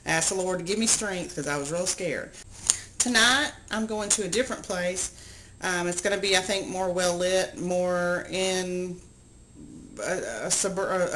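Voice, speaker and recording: A chatty middle-aged woman vlogging to her camera. Her voice sits a little low, and she rambles through stories with plenty of ums. A steady hiss of noise runs under the recording. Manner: chatty, rambling, animated storytelling with many ums. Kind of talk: casual vlog chat.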